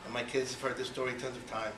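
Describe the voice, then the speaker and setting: His mid-range voice barely moves in pitch, and he speaks fast. The speaker, a Cuban-born man in his forties, is giving a conversational icebreaker speech about his life, leaning on you-knows and rhetorical questions, recorded distantly in an echoey, noisy room.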